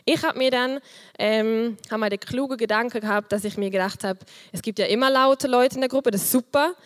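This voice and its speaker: A woman preaches in a lively, personal way, her soft, quiet voice sitting fairly high. She speaks into a handheld microphone, and a long hall reverb trails each phrase. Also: fairly quick. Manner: lively, personal, with small laughs. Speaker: youth group leader giving a talk. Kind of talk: sermon.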